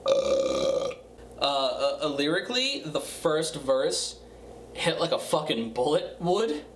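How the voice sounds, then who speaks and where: Tipsy guy rambling thru a music review, kinda high voice, echoey room w faint noise. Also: huge pitch swings, vocal fry. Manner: tipsy, rambling drunken delivery with halting, repeated phrases. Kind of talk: casual, profane video review. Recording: roomy, distant mic, faint noise.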